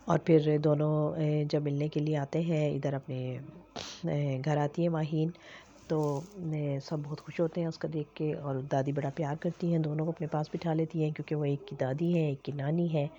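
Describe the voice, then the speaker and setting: A woman recapping a TV drama episode at an unhurried pace, with frequent hesitations. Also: deep voice, flat delivery, dark tone, slight background noise. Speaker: drama reviewer. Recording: dull lo-fi recording.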